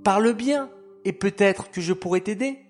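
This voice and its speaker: A man's voice: high voice, normal speed, faint music behind, pitched above the performer's own voice. A man voicing a chatty, caring little girl who questions her brother in a storybook tale. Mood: teasing. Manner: bright, questioning, lively.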